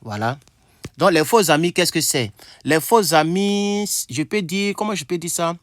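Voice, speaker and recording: A man teaching an English lesson at a board, slowly repeating himself and thinking aloud. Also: fairly high pitch, lively intonation, fairly bright tone. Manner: slow, repetitive, thinking aloud with asides.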